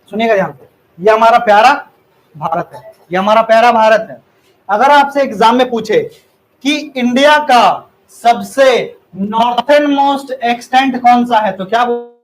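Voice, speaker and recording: A male teacher lecturing a class in a classroom, teasing students and drilling them with quick repeated questions. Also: extremely high pitch, rough recording.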